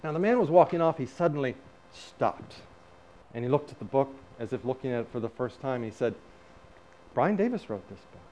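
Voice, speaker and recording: A middle-aged man telling a personal story in a talk, lively, acting out the dialogue. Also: mid-range voice, fairly quick. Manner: lively storyteller who acts out quoted dialogue. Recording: slightly dull recording with faint background noise.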